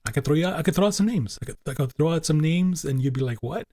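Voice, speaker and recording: A man's voice: on the high side, racing, a little mellow, no echo. A man co-hosting a casual podcast, rambling and filling his talk with "you know" and repeated words. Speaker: podcast co-host.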